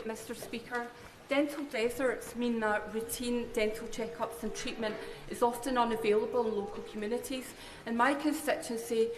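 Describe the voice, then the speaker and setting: Woman, Scottish accent, slightly high voice, formal parliamentary question, echoey hall. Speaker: member of parliament. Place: large indoor parliament chamber. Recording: echoey debating chamber.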